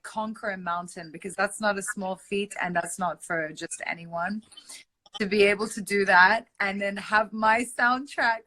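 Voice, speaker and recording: A woman's voice: medium pitch, pushed and bright, rough recording. A woman from Iran, a singer, chatting as an interview guest over an online video call, effusive and affectionate, with lots of "like" and "um". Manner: effusive and affectionate, with many "like" and "um" fillers. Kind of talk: casual interview chat.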